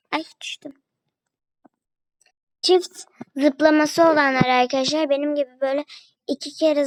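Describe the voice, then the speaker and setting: High-voiced young woman chatting through gameplay. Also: no room sound, poor audio. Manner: chatty, talks to viewers and a friend while playing. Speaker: gaming video creator. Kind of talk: casual gameplay commentary. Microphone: phone.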